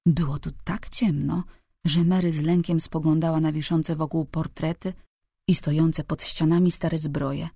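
Woman reading an audiobook, warm low voice, dry close mic. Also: dry recording. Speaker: audiobook narrator. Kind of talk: scripted narration.

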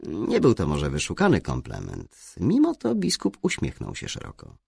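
Low, gravelly male audiobook narrator. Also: huge pitch swings, moderate pace, a little mellow, dry recording, studio quality. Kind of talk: first-person novel narration.

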